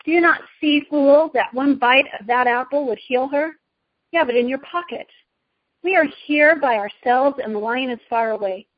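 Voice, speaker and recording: A woman's voice: high-pitched, normal speed, husky, no echo, muffled recording. A woman voicing a proud, tempting evil witch queen from a storybook, with an imperious, persuasive manner. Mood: scornful, urgent.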